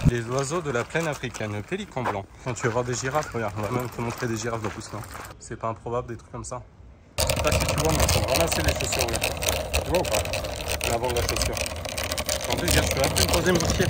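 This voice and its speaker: A chatty man who is a vlogger, coach and nutritionist comments casually while riding a kick scooter through city parks and streets. His medium-pitched voice sounds strained from exertion as he speaks directly to viewers with fillers and asides, over noisy outdoor city sound.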